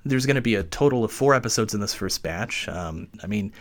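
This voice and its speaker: Animated male podcast host recording inside a closet. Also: fairly low pitch, brisk. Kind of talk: scripted sports podcast narration.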